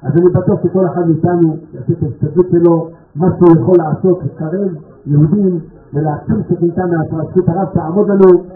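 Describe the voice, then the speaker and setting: Solemn high-voiced man at a memorial. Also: steady tone. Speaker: emcee introducing speakers. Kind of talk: memorial speech. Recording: echoey room, tinny lo-fi sound.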